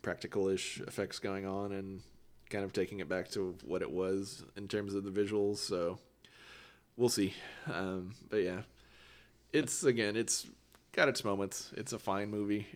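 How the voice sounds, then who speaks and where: A man's voice: fairly low pitch, fairly even intonation, moderate pace. A man co-hosting a podcast, chatting casually about movies, joking and laughing often. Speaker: podcast co-host.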